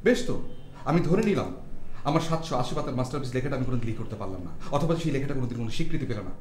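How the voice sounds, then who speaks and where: An actor playing a poor, idealistic writer tenant who speaks in formal, earnest, pleading phrases. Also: male voice, medium pitch, expressive, rapid-fire, a little mellow, echoey room, slight background noise, lightly acted. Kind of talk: TV drama acting.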